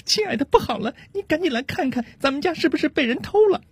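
A man's voice: extremely high pitch, animated, fast, no room sound, voice pushed up. A man voicing a panicked wife in a radio comedy sketch. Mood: alarmed.

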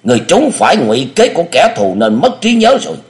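A man's voice: fairly high pitch, huge pitch swings, fast talker, pitched above the performer's own voice. A man voicing a scheming old male sect elder who coaxes and commands. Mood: coaxing, commanding. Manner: commanding, coaxing.

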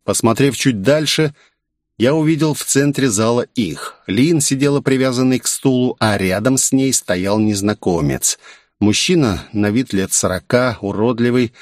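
A man's voice: mid-range voice, moderate pace, dry recording, clean studio sound. A man narrating a first-person audiobook in a cool, sardonic manner.

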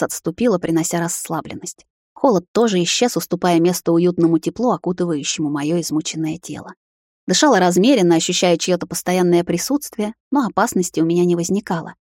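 A woman reads a romantic fantasy novel in first person with calm, even narration. Her voice sits slightly low. The recording is close and dry, with no room. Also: dry recording. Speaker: audiobook narrator.

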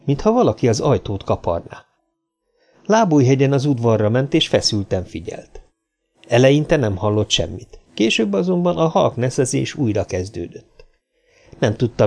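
Male audiobook narrator, mid-pitched, steady and measured, over faint music. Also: vocal fry. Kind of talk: scripted narration.

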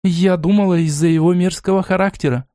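A man voicing a fiery, indignant young female envoy who speaks in a high, sharp, accusing voice. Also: fairly even intonation, a little fast, no room sound, studio quality, lightly acted. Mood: puzzled.

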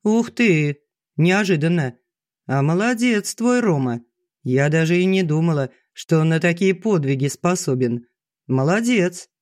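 A man reading an audiobook, voicing a grumbling, sharp-tongued middle-aged village woman who teases her friend. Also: fairly high pitch, lively intonation, measured pace, no echo, clean studio sound. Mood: impressed. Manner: gruff and teasing. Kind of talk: audiobook dialogue.

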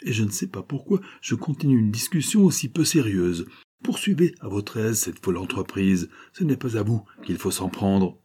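A hostile, hot-headed stranger, put on by a male narrator hammers out his objections with scorn. The voice is pushed up from a low, dark, husky base. It is a storybook reading. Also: animated, moderate pace. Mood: angry, contemptuous.

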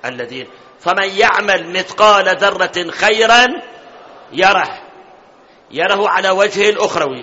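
A man's voice: high-pitched, pushed and bright. A man giving a religious lecture to a gathered audience, often asking them questions and chanting verses of scripture. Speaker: preacher. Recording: dull lo-fi sound with long hall reverb.

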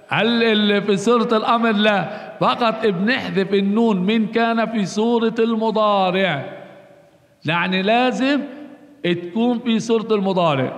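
Guy teaching grammar, pretty high voice, keeps asking questions then answering them, big echoey room. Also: fairly bright tone. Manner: slow, repetitive explaining with rhetorical questions he answers himself. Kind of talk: classroom grammar lesson. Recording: long reverb, roomy hall.

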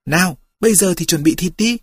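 A reader voicing a hungry wolf in a fairy tale who threatens to eat a rabbit, in a husky voice. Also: medium pitch, brisk, dry recording, studio quality, lightly acted. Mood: menacing.

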